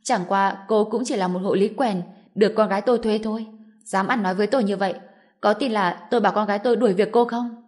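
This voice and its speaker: A woman's voice: medium pitch, a little fast, darkish tone, lightly acted. A woman voicing a cruel, arrogant middle-aged grandmother who scolds and sneers shrilly in a storybook. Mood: haughty.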